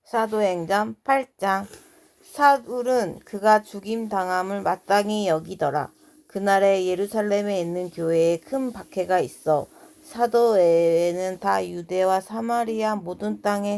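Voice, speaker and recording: A woman reading scripture aloud in a measured, even recitation. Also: medium pitch, vocal fry. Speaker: scripture reader.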